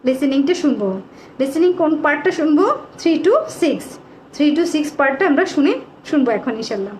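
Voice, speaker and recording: A woman teacher with a high voice leads a live online English class. She speaks patiently, repeats her questions and stretches English words out slowly for her pupils. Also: expressive, darkish tone, a little hiss or hum.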